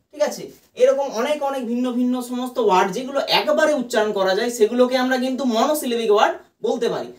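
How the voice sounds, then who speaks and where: Woman, English teacher, patient lesson, letter-by-letter spelling, higher pitch, distant mic. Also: darkish tone. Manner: asks and answers her own questions. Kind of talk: explaining a lesson to students. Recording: echoey room from far off.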